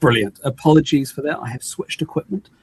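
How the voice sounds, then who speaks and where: A man with a broad New Zealand accent and a husky voice, moderating an online panel discussion. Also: mid-range voice, brisk, a little hiss or hum.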